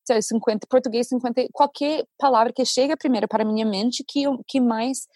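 A woman's voice: on the high side, no echo, studio quality. A Brazilian woman, an English teacher and content creator, talking animatedly in a casual chat, with lots of fillers. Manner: animated, talks fast with many fillers.

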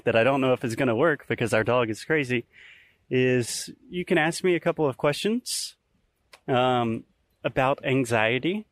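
A man's voice: fairly high pitch, no echo. A man in his early thirties hosting a podcast in casual, explanatory talk, recorded outdoors on a walk. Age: early 30s. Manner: explanatory, conversational. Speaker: podcast host. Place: outdoors in nature, recorded while walking.

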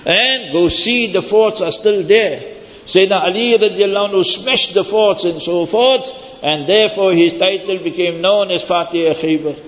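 A man's voice: high voice, moderate pace, fairly bright tone. A man preaching informally, telling stories conversationally and addressing his listeners directly. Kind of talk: informal sermon with storytelling. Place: large echoing hall, speaking to a gathering. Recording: muffled, reverberant large hall.

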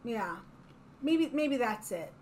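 A woman co-hosting a podcast in casual chat, wry and quick to break into laughter. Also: a little high, big pitch swings, darkish tone, a little hiss or hum. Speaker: podcast co-host.

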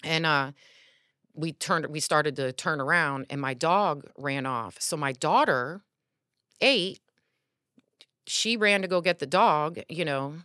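Woman in her forties, podcast guest, earnest storytelling, deep voice, dry close sound. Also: takes it slowly, pauses often, no echo. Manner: earnest, animated, many filler words. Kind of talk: casual conversational storytelling.

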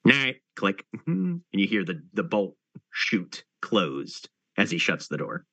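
A man with a fairly low voice runs a tabletop game as its storyteller. He narrates slowly, filling the gaps with thoughtful hums. His voice sounds dry and close, with no room echo. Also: sing-song, fairly bright tone, slightly rough. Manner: unhurried, with many thinking pauses. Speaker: game master.

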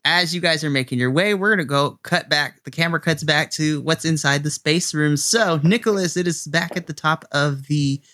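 A man running a tabletop game as dungeon master, animated and laughing often. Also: fairly high pitch, normal speed, few pauses.

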